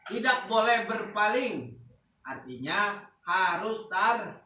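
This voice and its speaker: A man gives a casual religious lesson, joking and slipping into Arabic recitation alongside slangy Jakarta-style asides. His voice is high and his delivery slow and relaxed. The room is echoey, with a distant mic and faint noise.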